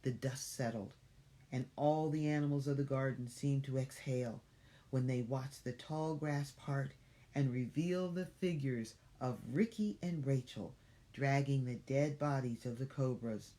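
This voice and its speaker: A woman's voice: a bass voice, unhurried, warm tone. A woman reading a children's story aloud as if to a toddler, dramatic, with questioning asides to the young listener.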